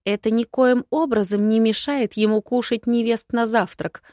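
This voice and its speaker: A woman's voice: a little high, moderate pace, no echo, clean studio sound, close to an everyday voice. A woman voicing a brash, mocking young heroine. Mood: snarky. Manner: snappy, mocking retorts. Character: sharp-tongued young heroine, brash and defiant.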